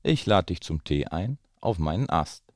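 A man's voice: deep voice, big pitch swings, normal speed, darkish tone, dry recording, clean studio sound. A man voicing an owl in a rhyming children's story, with hooting calls. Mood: inviting. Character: hooting owl, polite then panicky.

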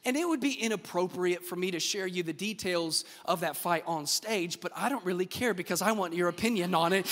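Man in his 30s, high-pitched pastor telling funny family stories from the stage; long hall reverb. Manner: lively, joking storyteller talking straight to the crowd. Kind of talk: sermon with personal stories. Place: church stage.

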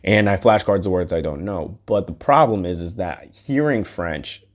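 Male podcast host, slightly low voice, earnest and loose, rambles and cusses. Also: animated, moderate pace. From United States. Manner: earnest, rambling, swears casually. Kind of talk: casual solo monologue.

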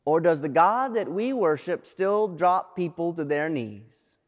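A man preaching a sermon as pastor, dramatic, with pauses and repeated refrains. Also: on the high side, animated, in a large hall. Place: church sanctuary.

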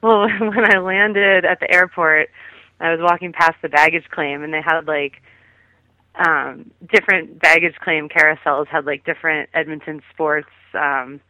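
A woman's voice: low voice, fairly even intonation, unhurried, sharp tone, dry recording. A woman calling in as a guest, chatting casually and rambling with lots of fillers. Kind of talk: casual phone interview. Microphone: phone call. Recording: tinny phone line, dry.

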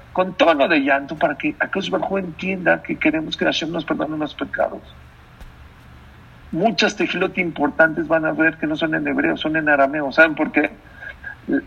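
A man preaches as a rabbi in a gravelly, husky voice that sits a little high. He is emphatic, repeats his phrases and keeps asking his listeners questions. The recording sounds dull and lo-fi. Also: a bit bright. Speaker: rabbi, religious teacher. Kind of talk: sermon.

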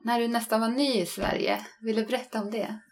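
A woman interviewing a guest, prompting him with gentle questions. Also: on the high side, fairly even intonation, gravelly. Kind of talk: casual interview.

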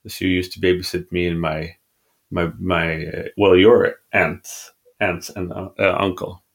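Podcast dad: deep, gravelly middle-aged man, patient questioner. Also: flat delivery, unhurried. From Mexican background. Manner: gentle, prompting questions, many restarts. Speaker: podcast co-host, father. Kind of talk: casual family podcast chat.

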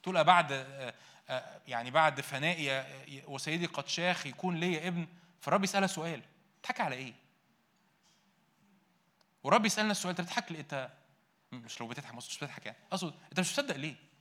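A man preaching a sermon in an Egyptian Arabic accent, firing questions at his congregation and answering them himself, swinging between loud bursts and quiet asides. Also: fairly high pitch, racing, pauses often.

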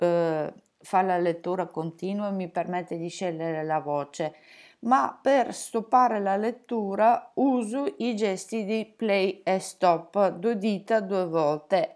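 A woman's voice: medium pitch, a little mellow. A woman explaining phone settings step by step in a tutorial, with fillers and self-corrections. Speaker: teacher demonstrating a phone.

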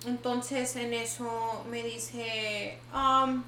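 Brief: female podcast host, high bright voice, animated code-switching storyteller, echoey room. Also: very slow, slight background noise. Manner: animated, dramatic storyteller switching between Spanish and English. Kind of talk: casual storytelling chat. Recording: echoey room with faint ambience.

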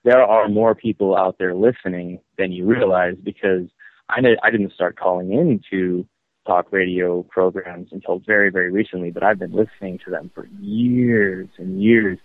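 Thirties male radio show caller on a tinny phone line, earnest, restarts often, low-ish voice. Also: fairly even intonation, dry recording. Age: 30s. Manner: earnest, halting, with many restarts. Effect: phone-line call-in audio. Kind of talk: casual call-in chat.

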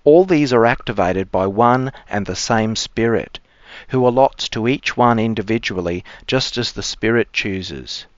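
A man speaking as a cleric, giving measured, formal scripture readings and reflection. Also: lowish voice, no room sound. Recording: dry, slightly dull close sound.

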